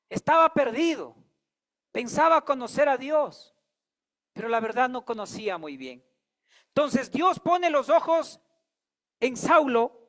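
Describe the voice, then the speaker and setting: A man preaching a sermon as pastor, emphatic and calling on the congregation to repeat after him. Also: very high-pitched.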